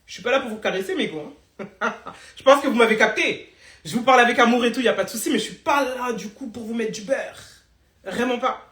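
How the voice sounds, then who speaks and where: A woman's voice: a little high, brisk, fairly bright tone, echoey room. A woman coaching beauty entrepreneurs in a live stream, blunt and teasing, tossing in English phrases.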